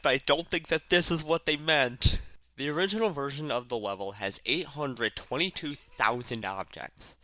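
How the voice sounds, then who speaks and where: A man with a bright, forceful voice and a noticeable lisp delivers casual video commentary, stressing words in unexpected places. He is sardonic and swears freely. The sound is clear and dry, recorded close on a headset. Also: medium pitch, no echo, low-quality recording. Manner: puts odd emphasis on random words. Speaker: video narrator and reviewer. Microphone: cheap headset mic.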